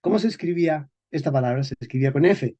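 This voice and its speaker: A man teaching a class on historical sound changes, speaking slowly and deliberately, checking in with his listeners after nearly every phrase and repeating key words. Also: fairly high pitch, lively intonation, warm tone, breathy edge, dull audio. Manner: slow and deliberate, checks in constantly with "¿ok?" and "¿eh?". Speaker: teacher of Spanish historical phonology. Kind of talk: classroom lecture.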